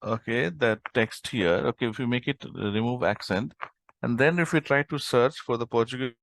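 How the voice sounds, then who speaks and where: A man's voice: medium pitch, normal speed, vocal fry, a bit bright, no echo. A man teaching a live coding tutorial over an online call, explaining step by step with frequent "okay" and "right?". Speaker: instructor.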